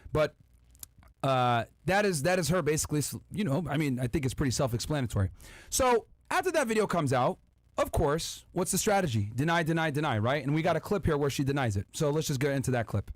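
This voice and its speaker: A man's voice: a little high, no echo. A man hosting a podcast, commenting on video clips and speaking emphatically and directly to his viewers. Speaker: podcast host.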